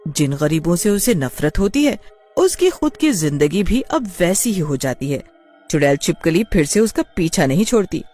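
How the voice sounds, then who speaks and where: A woman narrates a scripted cartoon story with expressive, dramatic delivery. Her pitch rises and falls in lively swings. Faint music plays softly behind her. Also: normal speed.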